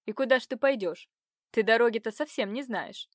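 Woman doing a stern, possessive young man; slow, cold, low delivery; dry close recording. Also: no room sound, natural voice. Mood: mocking, threatening.

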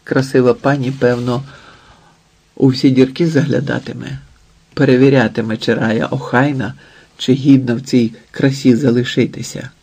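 A man reading an audiobook in a quiet, intimate, unhurried way. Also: mid-range voice, flat delivery, slightly rough. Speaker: audiobook narrator. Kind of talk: scripted narration.

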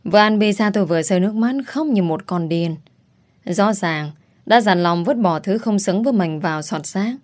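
A young woman narrating a first-person story in a wry, confiding, expressive way. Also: mid-range voice, normal speed.

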